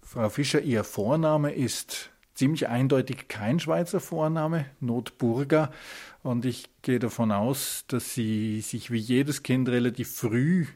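A man from Switzerland hosting an interview, asking measured, probing questions. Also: medium pitch, darkish tone. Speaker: interviewer, host. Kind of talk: radio interview.

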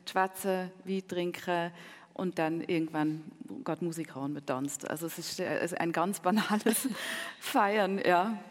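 Swiss German woman, French-born speaker, lively and laughing interview guest, long reverb tail. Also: fairly low pitch, unhurried. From grew up in Paris, Hamburg and Zurich. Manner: lively, laughs often, many fillers. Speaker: guest, dialogue writer. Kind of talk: casual interview chat.

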